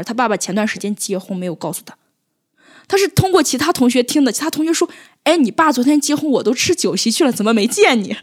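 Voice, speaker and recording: A woman in her twenties who teaches at a village school recounts moments with her pupils. Her pitch rises and falls widely, and she is openly emotional. She often stops and restarts when words fail her. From Northwest China. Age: 20s. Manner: emotional, animated, halting restarts when upset. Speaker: rural primary school teacher. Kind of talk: personal storytelling interview.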